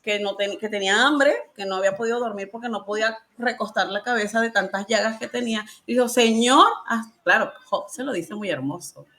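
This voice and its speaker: A woman's voice: medium pitch, brisk, few pauses, pushed and bright. A woman with a Venezuelan accent, telling her personal faith story in a colloquial, emotional way and laughing often. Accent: Venezuelan Spanish. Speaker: testimony guest.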